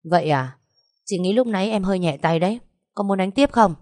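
A woman's voice: mid-range voice, lively intonation, brisk, darkish tone, no echo, studio quality, close to an everyday voice. A woman voicing a brash, domineering older woman. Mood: brisk. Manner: brash, bossy. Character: bold older-sister woman, sly and domineering.

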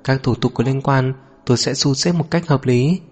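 A man voicing a calm, weary young wife in an audio novel, speaking in a measured, composed way. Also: medium pitch, lightly acted. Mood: calm, resigned.

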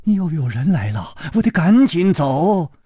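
A man's voice: a little high, very animated, a little slow, warm tone, breathy edge, no room sound, studio quality, full character voice. A man doing a stammering, flustered young swordsman. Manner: stammering, hesitant fillers.

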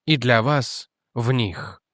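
A man reading an audiobook, voicing a weary, gentle detective who speaks quietly and measuredly. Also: medium pitch, slow pace, no echo, studio quality.

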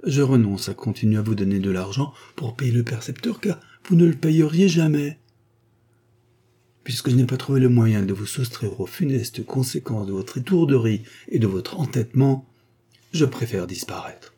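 An earnest older gentleman gently lectures in a storybook reading, as a man reads his part. His voice is dark and husky. His tone is grave and moralizing. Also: medium pitch, lively intonation, normal speed, voice pushed up. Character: kindly grave older gentleman, a tax collector.

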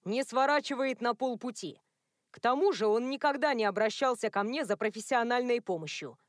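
A woman voicing a calm, dry-witted male town doctor in an audiobook. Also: on the high side, fairly quick, dry recording, natural voice. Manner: calm, terse.

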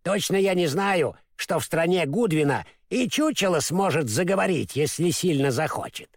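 A man doing a hoarse, mocking crow. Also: fairly high pitch, expressive, moderate pace, dry recording, studio quality. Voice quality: hoarse croak. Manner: mocking, brash. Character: cheeky scruffy crow, female, mocking. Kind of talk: storybook reading.

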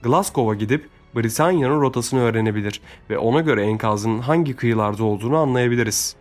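A man voicing a rich, kind and decisive young lord who gives orders in a calm, commanding way, in a Turkish storybook reading. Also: mid-range voice, brisk, soft background music, lightly acted.

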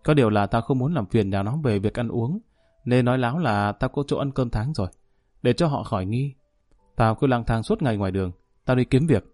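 A man voicing a sad young runaway son who quietly tells of his hardships in an audiobook story. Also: medium pitch, expressive, brisk, dry recording, clean studio sound, faint music behind, lightly acted.

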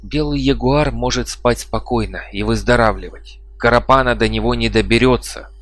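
A man's voice: mid-range voice, moderate pace, a bit bright, no room sound, lightly acted. Feverish fierce cripple, choked strained voice, dry sound, read by a man. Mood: urgent. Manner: strained, choked half-whisper.

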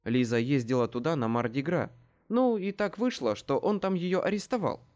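A man's voice: fairly high pitch, lively intonation, moderate pace, lightly acted. A man reading an audiobook, voicing a prim older mother who scolds her grown daughters in a genteel way. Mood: reproachful. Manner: genteel, gently reproachful.

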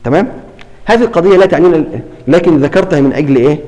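A man teaching a classroom lesson on Quran recitation. He keeps asking his students questions, repeats the key terms, and draws out words slowly when he demonstrates them. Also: fairly high pitch, animated, dark tone, long reverb tail, lo-fi sound.

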